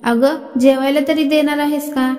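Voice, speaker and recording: A woman's voice: high-pitched, fairly even intonation, normal speed, faint music behind, natural voice. A woman reading as a tender, coaxing husband. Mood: gentle. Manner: gentle, coaxing. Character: patient, tender middle-aged husband. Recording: echoey reverberant room.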